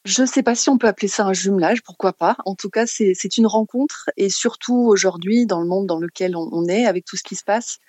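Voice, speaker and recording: Answering unscripted interview questions, a French woman from France who runs a community association pauses to find words and begins phrases over again. Her voice is mid-range and slightly mellow, with no room sound.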